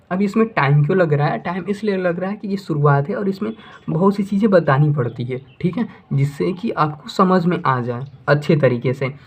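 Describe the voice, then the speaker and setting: A man teaching English grammar to beginners in his native Hindi, with a fairly high voice for a man. He repeats each point, asks questions and answers them himself, and slows down when he dictates example sentences. The sound is thin and tinny, like a phone line. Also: darkish tone. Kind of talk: classroom-style lesson for beginners.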